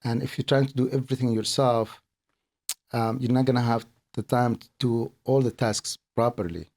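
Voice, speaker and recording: A middle-aged man from Kuwait, a guest speaking in a casual interview, earnest and halting, often repeating words as he explains. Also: mid-range voice, steady tone, a little mellow. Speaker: podcast guest, accountant and business owner.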